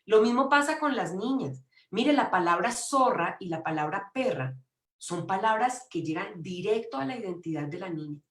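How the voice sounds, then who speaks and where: A woman's voice: medium pitch, animated, moderate pace. A woman giving a conference lecture, speaking emphatically and often restarting her sentences. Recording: echoey room.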